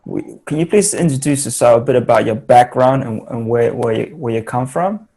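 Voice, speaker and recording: A man's voice: medium pitch, a little fast, mellow. Rambling male podcast host. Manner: rambling, repeats words while asking. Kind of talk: conversational interview.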